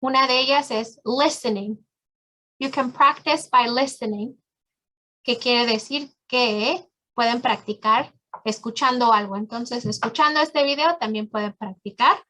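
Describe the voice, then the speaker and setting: A woman with a Mexican accent teaching English to Spanish speakers, saying model phrases slowly and clearly. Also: a little high, sharp tone. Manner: slow, carefully enunciated English model phrases. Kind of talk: bilingual language lesson.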